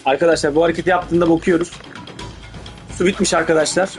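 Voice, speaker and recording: A man commentates casually on a video game. He talks in rough street slang with heavy swearing and breaks into urgent, excitable bursts. Music plays behind him. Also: on the high side, fast. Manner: excitable, blurts urgent outbursts. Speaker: gaming video host. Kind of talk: casual live gameplay commentary.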